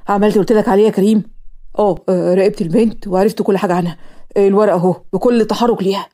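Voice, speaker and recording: A woman with an Egyptian accent voicing cartoon dialogue in a brisk, matter-of-fact way. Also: mid-range voice, steady tone, dark tone. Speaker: voice actor.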